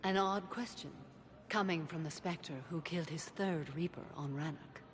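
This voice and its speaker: An actress playing a stoic alien warrior matriarch in a video game, formal, measured and solemn. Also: female voice, on the low side, music in the background, lightly acted. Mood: solemn, reflective. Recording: clear background ambience noise.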